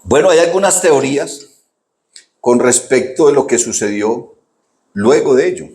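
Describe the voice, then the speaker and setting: A male pastor delivers a lively sermon, asking his listeners questions and calling them "brother." His voice is of medium pitch. The room behind him is echoey. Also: measured pace. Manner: animated preaching, rhetorical questions, often says "hermano".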